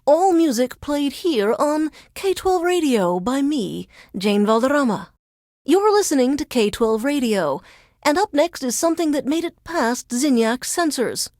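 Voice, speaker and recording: An actress voices a resentful female news reporter forced into being a radio DJ in a video game, delivering scripted links like a newsreader. Her high-sitting, very animated voice is measured and a little mellow, formal, dramatic and sardonic as she theatrically announces. The studio-quality audio has no room sound.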